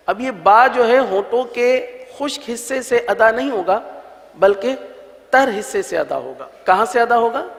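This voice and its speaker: Man, recitation teacher, high voice, patient, repeats sounds slowly, long hall reverb. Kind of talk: religious lesson.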